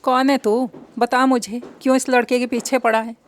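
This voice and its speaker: A woman's voice: on the high side, little pitch movement, moderate pace, lightly acted. A woman voicing a harsh male fake holy man who makes demands and threats.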